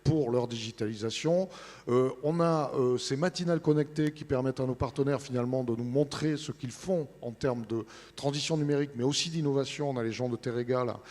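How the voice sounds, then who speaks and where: A man's voice: mid-range voice, brisk, a little mellow. A man speaking as an interview guest, informally presenting events and often searching for his words. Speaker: interview guest representing a newspaper. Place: large studio set in a big hall. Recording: large hall with long reverb.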